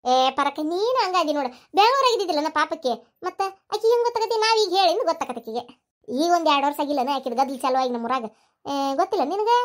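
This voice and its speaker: Cartoon role: nosy North Karnataka village woman, very high and squeaky, as a performer puts her on. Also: lively intonation, a bit bright. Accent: North Karnataka Kannada. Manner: nosy, pestering, quick to tease. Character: chatty village woman back from the city. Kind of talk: cartoon comedy voice acting.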